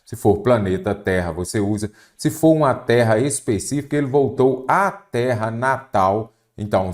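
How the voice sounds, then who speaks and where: Emphatic Brazilian teacher, low voice, echoey. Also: male voice. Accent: Brazilian Portuguese. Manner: emphatic, drills students with rhetorical questions and "anote". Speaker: Portuguese teacher. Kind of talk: exam-prep lesson at a board.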